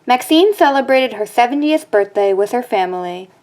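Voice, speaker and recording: A young woman narrating a documentary in a steady, scripted reading. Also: fairly high pitch, moderate pace.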